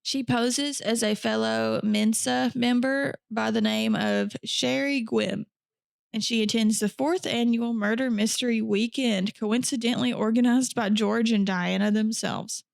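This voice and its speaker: Creaky-voiced woman telling a true crime story. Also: on the high side, fairly even intonation, unhurried, dry recording. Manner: chatty, with blunt profane asides. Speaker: podcast host.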